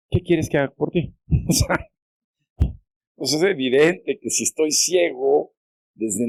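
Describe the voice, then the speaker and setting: Man pastor preaching slow in church, keeps asking "verdad?", voice jumps up on quoted pleas. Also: no room sound. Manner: slow, deliberate preaching with frequent "¿verdad?" asides; rises sharply in pitch when quoting pleas. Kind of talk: sermon.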